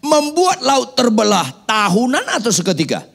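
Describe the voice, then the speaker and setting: A man's voice: very high-pitched, big pitch swings, normal speed, vocal fry, fairly bright tone. A man preaching a sermon, firing rhetorical questions at the congregation with playful joking asides. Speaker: pastor.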